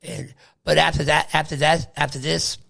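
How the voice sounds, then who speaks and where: A man's voice: a little high, little pitch movement, moderate pace, gravelly, sharp tone. An older man chatting casually about sports and history with his son, rambling, trailing off and laughing often. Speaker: guest, host's father. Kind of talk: casual chat.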